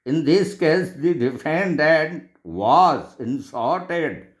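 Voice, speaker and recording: Slow, deliberate male law teacher. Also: fairly high pitch, expressive. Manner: slow, deliberate reading with long pauses between phrases. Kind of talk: slow lecture on solved law problems.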